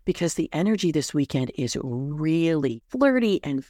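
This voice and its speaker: A woman's voice: deep voice, big pitch swings, moderate pace, mellow, dry recording, studio quality. A woman hosting a solo advice podcast in an upbeat, tidy, encouraging manner, like a coach reading prepared tips. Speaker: astrology coach and podcast host.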